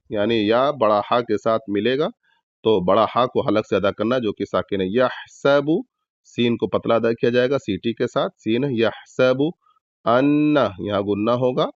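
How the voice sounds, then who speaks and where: A man teaching Quran recitation step by step, patiently explaining each rule and repeating words slowly in drawn-out chant as examples. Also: lowish voice, no room sound, highs cut off. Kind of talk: step-by-step tajweed lesson.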